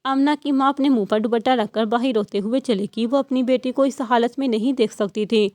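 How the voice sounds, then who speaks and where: A woman narrating a novel in a steady, expressive storytelling manner. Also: fairly high pitch, no echo. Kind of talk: audiobook novel reading.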